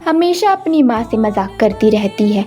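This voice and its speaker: A woman's voice: on the high side, very animated, moderate pace, mellow, soft background music, pitched below the performer's own voice. A woman voicing a loving, worried middle-aged mother in a cartoon story, speaking in a soothing, tender way.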